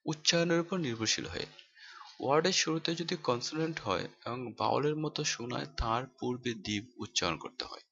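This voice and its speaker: A man teaching English pronunciation, explaining each rule slowly, repeating phrases and asking rhetorical questions. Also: mid-range voice, expressive, creaky, fairly bright tone. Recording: dull lo-fi home recording.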